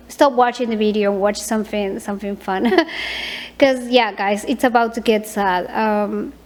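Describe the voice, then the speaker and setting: Woman, 30s, slightly high voice, soft halting confessional vlogger. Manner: soft, hesitant, with frequent fillers and repeats. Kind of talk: personal confessional vlog.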